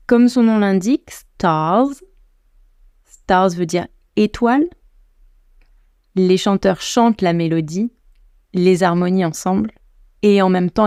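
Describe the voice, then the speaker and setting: A woman's voice: mid-range voice, mellow, no echo, clean studio sound. A woman from France hosting a podcast, talking in a casual, enthusiastic way and speaking straight to her listeners. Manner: enthusiastic, addresses listeners directly. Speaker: podcast host. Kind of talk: casual spoken podcast talk.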